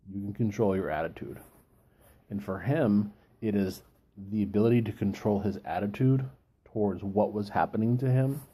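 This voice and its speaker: A man giving a reflective solo talk, explaining and quoting in a deliberate, halting way with pauses mid-phrase. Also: fairly low pitch, warm tone, slightly rough. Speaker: book reviewer giving an informal chat.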